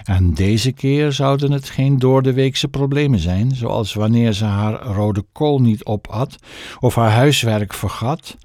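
A man narrating a children's audiobook in an expressive storytelling manner. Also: mid-range voice, unhurried, dry recording, studio quality. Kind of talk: scripted narration.

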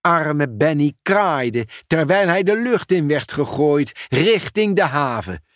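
A man narrates a children's storybook at an easy, unhurried pace. His voice is lively and rises and falls expressively through each sentence. The recording is close and dry, with no room sound. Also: a little high, dry recording. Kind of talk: storybook read-aloud narration.

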